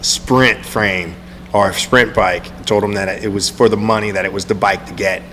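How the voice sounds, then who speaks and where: Man, bike shop host, joking rambling chat, low voice, reverberant room, faint hum. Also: steady tone, moderate pace, sharp tone. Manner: jokey, rambling with restarts. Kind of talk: casual podcast chat.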